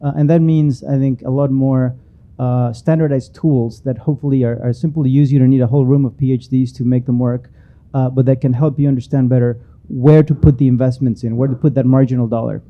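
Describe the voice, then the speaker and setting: A man talks through a conference panel answer, halting and thoughtful, leaning on filler sounds between ideas. His voice sits at a middle pitch. The recording is dull and lo-fi. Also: steady tone. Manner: hesitant, many "uh" fillers. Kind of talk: panel discussion.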